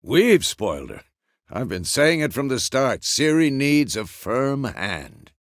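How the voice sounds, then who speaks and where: An older actor voices a gruff, stern but fatherly old monster hunter in dramatic game dialogue. His gravelly, mid-range voice is slow and somewhat sing-song, terse, weary and commanding, with a grumbling mood. The recording is dry and studio quality.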